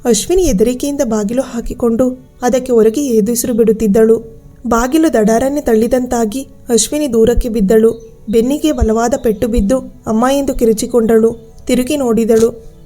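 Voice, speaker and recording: A woman storyteller giving a steady, measured scripted narration of a ghost story. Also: fairly high pitch, faint music behind.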